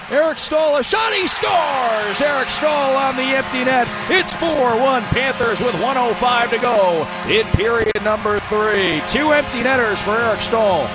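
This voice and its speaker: A man doing rapid, excited hockey play-by-play as a radio announcer, shouting when goals come. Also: very high-pitched. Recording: radio broadcast over loud arena noise. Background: loud arena ambience.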